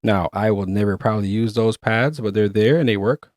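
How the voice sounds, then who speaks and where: A man's voice: lowish voice, fairly quick. A man hosting a casual product review, chatty and explaining features step by step. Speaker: gear reviewer and host.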